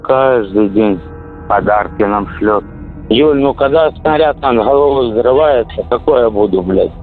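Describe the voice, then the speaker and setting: A man's voice: mid-range voice, measured pace. A man, a soldier at the front, talking bluntly and with swearing on a casual call home, heard over a radio intercept. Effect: heard over a radio or intercepted phone line. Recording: tinny phone-like intercept, music laid over.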